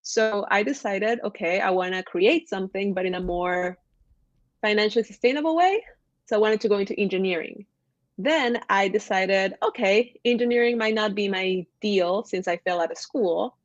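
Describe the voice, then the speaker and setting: A woman's voice: medium pitch, moderate pace, dry recording, lo-fi sound. A woman from Ecuador, a graphic designer, chatting as a guest on a video call in a talkative, enthusiastic way. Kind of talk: casual video-call chat.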